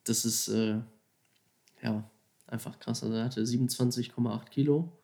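A man casually and excitedly retelling how he caught a huge fish, slangy and animated, acting out his own thoughts and phone calls. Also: mid-range voice, normal speed. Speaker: angler telling a fishing story. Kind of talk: casual storytelling.

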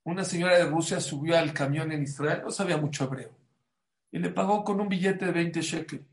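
A man giving a sermon, mixing a story into his teaching, swinging between loud emphasis and hushed asides. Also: on the high side, fairly quick, roomy sound. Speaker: religious teacher. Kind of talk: sermon with anecdote.

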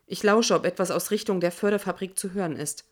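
A woman reading a first-person audiobook in a measured, tense manner. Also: mid-range voice. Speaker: audiobook narrator. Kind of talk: first-person scripted narration.

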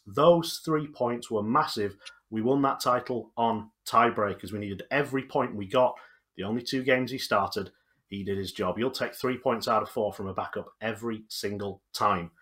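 A man's voice: mid-range voice, normal speed, fairly bright tone. A man co-hosting a sports podcast who argues his picks with statistics and firm emphasis. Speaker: podcast co-host. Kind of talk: casual sports chat.

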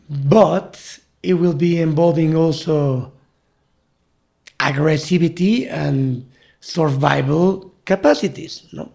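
A man's voice: fairly high pitch, creaky, mellow. A man from Mexico City with a Mexican Spanish accent, a native Spanish speaker and guide, talking reflectively and searching for words in an interview.

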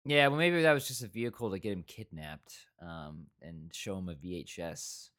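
A man's voice: low-pitched, normal speed, a bit bright. A man co-hosting a podcast, chatting casually about a TV episode and drifting into quoted asides. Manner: rambling, full of restarts and quoted asides. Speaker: podcast co-host. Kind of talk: casual review chat.

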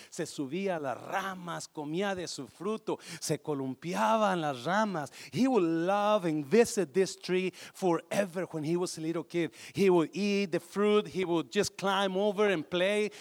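Bilingual preacher telling a parable. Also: male voice, high voice. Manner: switches between Spanish and English; emphatic, varies between loud and hushed. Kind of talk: sermon storytelling.

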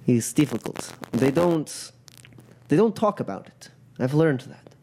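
A man playing a proud, bitter captive crime boss in a tabletop game, speaking in measured, formal, disdainful phrases. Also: on the high side, lively intonation, creaky, warm tone, a little hiss or hum, pitched above the performer's own voice. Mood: wary, resigned.

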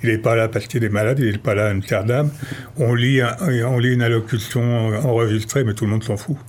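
A man's voice: mid-range voice, steady tone, fairly quick, a little mellow. A man speaking as a radio guest, telling a history story casually with some restarts.

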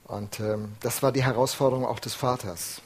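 Husky-voiced man preaching a sermon. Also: mid-range voice, fairly even intonation, normal speed. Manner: earnest, emphatic, with rhetorical questions.

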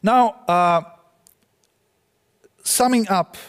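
A man giving an academic lecture in a measured, halting way, pausing often. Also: sits high, clear, resonant tone, big-room sound. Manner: halting, measured, with frequent pauses.

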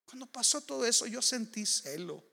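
A man preaching a sermon, swinging between loud proclamation and hushed, low storytelling. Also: expressive, normal speed, creaky. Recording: long hall reverb.

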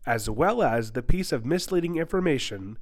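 A young American man hosts a casual podcast while stuffy-nosed from a cold, rambling along and restarting sentences often. His medium-pitched voice is animated and moves at a moderate pace.

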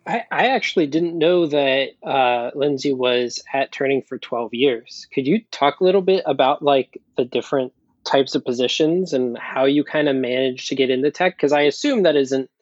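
A man co-hosting a podcast, asking curious questions in a halting way. The recording is dry and close, with dull lo-fi sound. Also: medium pitch, no room sound. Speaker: podcast co-host. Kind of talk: casual interview chat.

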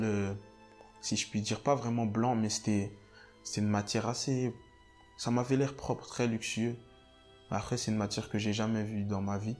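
A man giving a personal testimony in church, halting and repeating himself with many fillers. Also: medium pitch.

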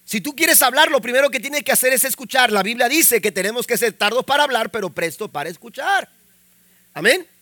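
A man's voice: extremely high pitch, expressive, a little fast, bright, forceful tone, dry recording, clean studio sound. A young adult male pastor, preaching a sermon and punctuating it with frequent amens and rising emphasis.

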